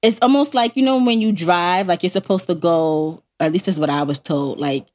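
A woman's voice: lowish voice, moderate pace, a little mellow. A woman co-hosting a podcast in casual, playful chat, laughing often. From New York. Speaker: podcast co-host.

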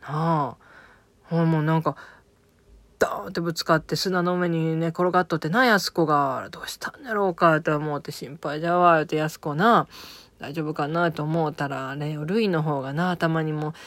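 A woman's voice: deep voice, normal speed, no room sound. A woman with an Okayama accent chatting casually about a TV drama, rambling with many fillers and self-corrections. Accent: Okayama dialect of Japanese. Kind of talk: casual spoken recap of a TV drama.

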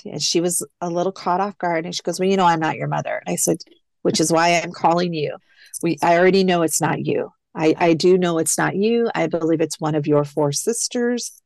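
A woman's voice: fairly low pitch, creaky, darkish tone, dry recording. A woman who is an adoptee guest, reflectively telling her story in a casual interview and quoting past phone calls. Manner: reflective, retells phone calls with quoted dialogue.

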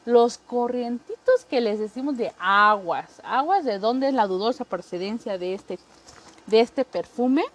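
A Mexican woman hosting a podcast, joking casually and acting out coworkers in quick impressions. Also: fairly high pitch, expressive. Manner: chatty, jokey, acts out coworkers in quick impressions. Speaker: podcast host. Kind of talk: casual comedic monologue.

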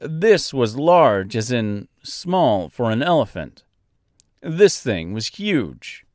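A man narrating a crude fairy-tale parody in an unhurried, expressive storytelling manner with deadpan profanity. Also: medium pitch, no room sound, clean studio sound.

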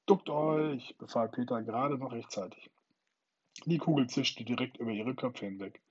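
Husky man reading a children's book. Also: mid-range voice, moderate pace, dull audio. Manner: calm, earnest reading; self-deprecating about his voice. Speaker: storybook reader.

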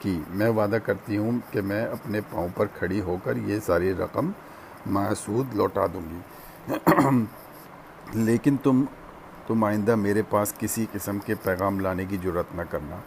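A man reading the lines of a proud young woman who refuses a marriage, calm and dignified. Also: lowish voice, measured pace, a little hiss or hum.

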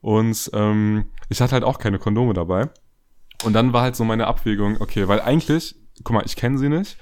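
A man's voice: fairly low pitch, normal speed, a little mellow. A young man telling a personal story in a casual chat, rambling with slang and fillers and turning often to speak to his listeners directly.

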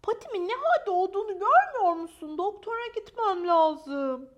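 A woman's voice: very high-pitched, lively intonation, moderate pace, dull audio, pitched above the performer's own voice. A woman voicing a whiny, self-pitying young female dog who wails dramatically about her troubles. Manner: wailing, dramatic complaints.

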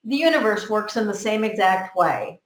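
A woman's voice: medium pitch, lively intonation, normal speed. A woman from America, talking earnestly in a group conversation and often repeating words as she works out her thoughts. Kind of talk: motivational group chat. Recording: roomy echo.

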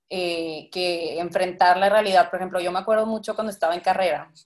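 A young woman with a Mexican accent, telling a personal story with animation and the odd swear word. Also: lowish voice. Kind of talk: casual group conversation.

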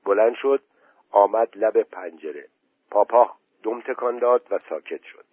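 A man narrating a story aloud in a steady, measured audiobook reading. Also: lowish voice, husky, dry recording. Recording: tinny phone-like recording.

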